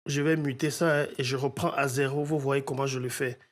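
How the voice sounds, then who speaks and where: A man's voice: mid-range voice, fairly even intonation, brisk. A man teaching audio mixing in a step-by-step tutorial, often checking in with his viewers. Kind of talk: screen-recorded software tutorial.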